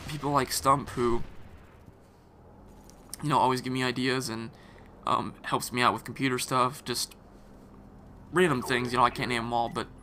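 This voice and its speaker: This gaming commentator keeps a steady, medium-pitched tone at a moderate pace but pauses often. His irritated, scratchy throat comes through as he rambles casually with many fillers and restarts, his voice-over set over loud in-game gunfire and explosions.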